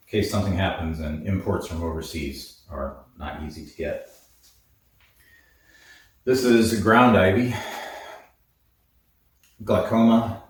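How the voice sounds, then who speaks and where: A man with a very low voice gives a slow, deliberate herbal lesson. He sounds distant from the microphone. A heavy echo fills the recording. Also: darkish tone. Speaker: herbalist host. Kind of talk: instructional talk on herbs. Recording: very echoey, from far off the mic.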